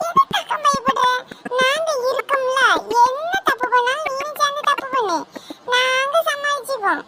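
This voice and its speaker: Cheeky cartoon schoolchild. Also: female voice, very high voice, moderate pace, very noisy. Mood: reassuring. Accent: Kanyakumari Tamil. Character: bold reassuring schoolchild, cheeky and loyal. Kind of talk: animated serial voice acting.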